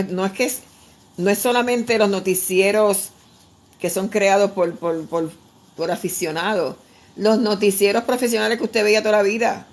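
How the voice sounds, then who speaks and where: A woman, preaching earnestly in a conversational way, with frequent restarts. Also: mid-range voice. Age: 60s. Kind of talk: sermon-style exhortation.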